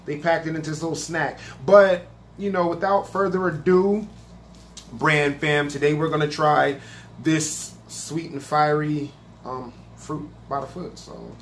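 A man's voice: a little high, a bit bright, slight background noise. A man casually reviewing a spicy snack on his own video channel, talking loosely and swearing a lot. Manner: profane, laid-back, chatty. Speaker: food reaction vlogger.

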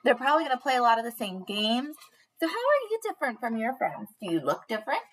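Fast and husky, with a fairly high pitch and a sing-song lilt, a young woman preschool teacher reads aloud to small children in a bubbly way. She was recorded on a webcam in a small panelled room.

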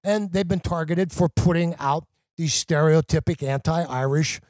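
A journalist and talk radio host, appearing as a podcast guest, argues his points with emphatic, impassioned conviction. His voice is a little high and slightly mellow, his pace unhurried, and there's no echo in this podcast conversation.

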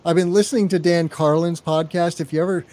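Male podcast co-host with a slightly higher voice, loose and conversational, quick to banter. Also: steady tone, a little mellow. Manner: chatty, easygoing, quick to banter. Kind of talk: casual chat.

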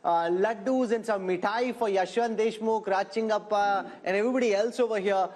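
A man's voice: high voice, brisk, darkish tone. A man with a North Indian accent hosting a live television news debate in a playful, teasing way.

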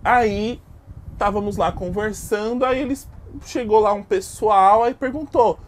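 A Brazilian woman hosting a YouTube channel, telling an exaggerated comic story with lots of sound effects in an animated way. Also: medium pitch, measured pace. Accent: Brazilian Portuguese. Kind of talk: comic tall-tale storytelling.

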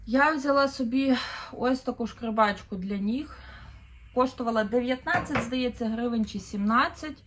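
A woman's voice: on the high side, normal speed, fairly bright tone, slight background noise. Chatty woman showing a shopping haul. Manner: chatty, thinking aloud with fillers. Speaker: vlogger, mother of four. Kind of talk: casual shopping haul chat.

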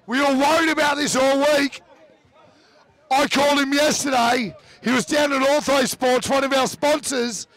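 A man giving live rugby commentary, excitable and often shouting over the play, with chatty asides about the players. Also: very high-pitched, no room sound.

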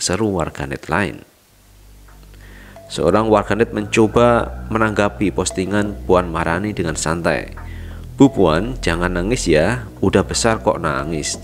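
Deep-voiced man presenting online news. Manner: reads netizen comments in a livelier voice, then talks loosely to viewers. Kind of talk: reading news then casual commentary. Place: Jakarta.

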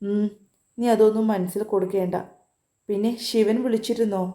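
A woman's voice: mid-range voice, fairly even intonation, moderate pace, natural voice. A woman voicing a teasing, loving young man. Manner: playful, gently teasing. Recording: roomy echo.

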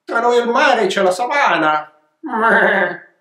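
A man voicing a chorus of frightened female goats, high and bleating, in a storybook reading. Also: expressive, takes it slowly, sharp tone, exaggerated voice. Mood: scared. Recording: echoey room.

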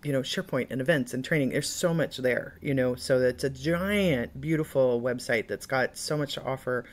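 A woman's voice: extremely low pitch, moderate pace. A woman from the Midwest hosting a podcast interview, chatty and enthusiastic, with lots of fillers. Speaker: podcast host. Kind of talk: casual interview chat.

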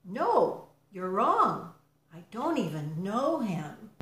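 A woman's voice: mid-range voice, big pitch swings, slow, a bit bright, echoey room. A woman voicing a frightened, angry male disciple who denies knowing his friend, speaking emphatically with a raised voice. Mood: defensive.

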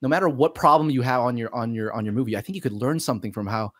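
A man co-hosting a podcast, talking through a film review in a casual, excitable way and swearing freely. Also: mid-range voice, racing, dry recording, clean studio sound. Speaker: podcast co-host.

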